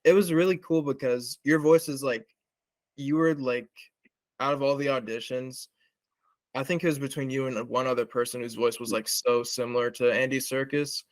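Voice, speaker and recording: A man's voice: medium pitch, fairly even intonation, moderate pace, dry recording. A man interviewing a voice actor, casual and laid-back, saying "like" often. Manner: laid-back, many "like" fillers. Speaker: interviewer, project maker.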